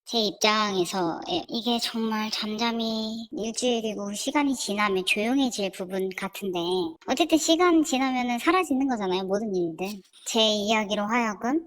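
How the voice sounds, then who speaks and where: A woman heard in a played news clip, her voice disguised with a pitch-shifting filter, giving a halting, concerned explanation. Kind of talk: recorded interview excerpt.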